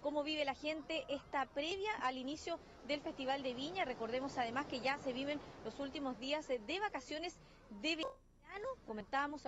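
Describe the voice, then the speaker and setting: A woman, reporting live from a sunny beach into a handheld mic, brisk and upbeat. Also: high voice, a bit bright, highs cut off. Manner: brisk, upbeat, many questions. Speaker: field reporter. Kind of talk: live on-location news report. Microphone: handheld microphone.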